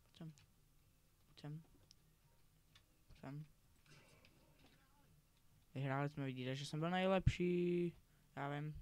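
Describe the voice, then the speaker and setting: A man's voice: on the high side, darkish tone, slight background noise. A teenage boy rambling casually while commenting on his own gameplay, often correcting himself. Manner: rambling, self-correcting, chatty. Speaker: gaming YouTuber.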